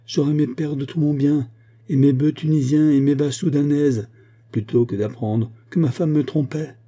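A man voicing a naive, excitable rustic herdsman in a read-aloud story, speaking in raised, passionate outbursts. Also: fairly high pitch, normal speed, voice pushed up, close to an everyday voice. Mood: anguished.

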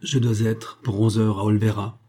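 Storybook role: male narrator doing a grave, bitter young officer, husky and low. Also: little pitch movement, warm tone. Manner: grave, measured, growing harsh.

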